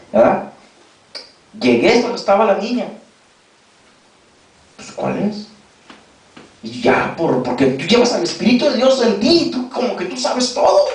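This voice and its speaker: Echoey Mexican preacher, high and lively. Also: male voice. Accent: Mexican Spanish. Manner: storytelling preacher, rises and drops sharply for emphasis. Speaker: pastor. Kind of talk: sermon. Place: church hall. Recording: very echoey church hall, distant mic.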